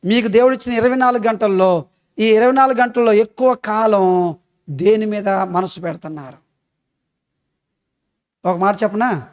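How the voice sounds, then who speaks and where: A male pastor with a Telugu accent, preaching a sermon full of rhetorical questions and repeated emphatic phrases. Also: high voice.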